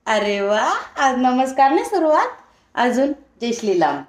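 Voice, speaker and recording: A young mother with a fairly high voice chats through a casual family vlog. She teases and coaxes her little son to talk to the camera. She is recorded indoors at a relative's home. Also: big pitch swings, a little slow, a little mellow. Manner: chatty, coaxing and teasing a small child.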